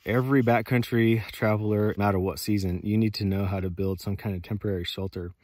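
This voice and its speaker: A man in his thirties speaks in a fairly low voice, explaining things casually for a vlog. His delivery is informal and a bit halting. The sound is very dry, picked up at arm's length inside a tight little snow shelter. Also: fairly even intonation, a little mellow, no room sound. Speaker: host of an outdoor radio channel. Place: inside a small snow shelter under a tarp. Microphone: phone or camera at arm's length.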